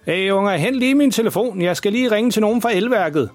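A clumsy, overconfident dad, as a male storyteller plays him, speaking a little higher than his narrating voice and stumbling with fillers. The tone is slightly husky and dry, close to the mic. Faint music plays under this children's audio story. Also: expressive, dry recording. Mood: cheerful. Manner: cheerful, hesitant, full of "øh".

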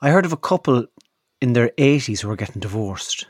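A man's voice: medium pitch, lively intonation, brisk, slightly rough, no room sound, clean studio sound. A man with an Irish accent, chatting casually and asking wry, teasing questions.

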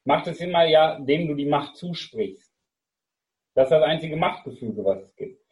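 A man's voice: a little high, lively intonation, normal speed, darkish tone, low-quality recording. A man hosting a casual conversation, reflecting and affirming his guest in a thoughtful way.

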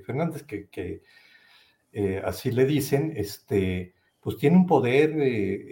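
A man with a Mexican accent giving conversational commentary as an interview guest, halting and often tagging phrases with a questioning word. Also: fairly low pitch, dark tone.

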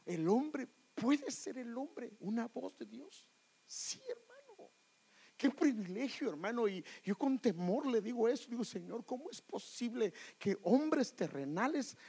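High-voiced preacher man, hushed to fervent. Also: husky, poor audio. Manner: addresses listeners as brother, swings from hushed whispers to loud fervent climaxes. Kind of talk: sermon.

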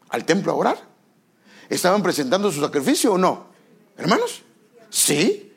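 A man's voice: medium pitch, vocal fry, breathy edge. A male pastor preaching a sermon, asking the congregation rhetorical questions and stressing repeated words.

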